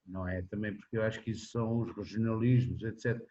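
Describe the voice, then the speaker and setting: A man in his seventies with a European Portuguese accent, answering in a relaxed interview, rambling with restarts and frequent tag questions. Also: lowish voice, fast, dull audio. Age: 70s. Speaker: interviewee, singer-songwriter.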